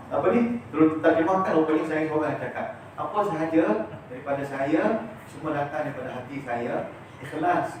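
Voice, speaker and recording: A man's voice: mid-range voice, a little hiss or hum. A man preaching in a mosque, telling playful stories and then leading a fervent, chanted prayer. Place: large mosque prayer hall. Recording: echoey mosque hall from far off.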